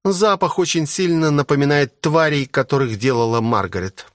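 A man voicing a loyal female guardian who reports crisply in an audiobook. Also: a little high, moderate pace, no room sound, clean studio sound, pitched above the performer's own voice, natural voice. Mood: brisk.

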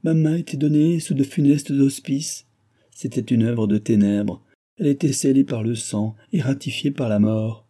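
A man's voice: medium pitch, moderate pace, warm tone, husky, lightly acted. A man reading the part of a distraught young woman who pleads in frantic outcries, in an audiobook.

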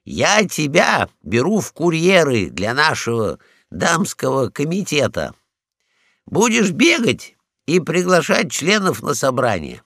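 A man voicing a pompous, bossy male guard dog in a storybook reading, loud and commanding. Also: on the high side, huge pitch swings, slow pace, no room sound, studio quality, voice pushed up, heavily acted.

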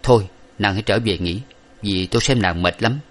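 A man's voice: on the low side, a little fast, fairly bright tone, close to an everyday voice. A man voicing an earnest young man who reassures his beloved, in an audiobook of an old novel. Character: earnest young man, lover bound for study abroad.

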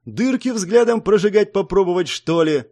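Wry, lively male audiobook narrator. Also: high-pitched, moderate pace. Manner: wry, sardonic. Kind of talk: first-person audiobook narration.

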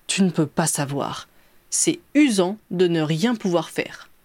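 A woman's voice: lowish voice, lively intonation, a little slow, darkish tone, no echo. A woman reading an audiobook, voicing a worn-out young man who has just become a father. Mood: weary. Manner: weary, plain.

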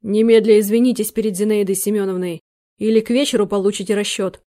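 A woman's voice: mid-range voice, steady tone, fast talker, warm tone, lightly acted. A woman reading the part of a stern, commanding male count in an audiobook, speaking with scorn. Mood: threatening.

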